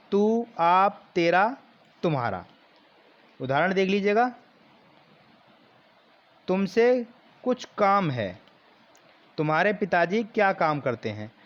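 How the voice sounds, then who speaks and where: Man, grammar teacher, higher voice, slow deliberate explaining, dull lo-fi sound. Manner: slow, explanatory, repeats terms. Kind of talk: exam-prep grammar lesson.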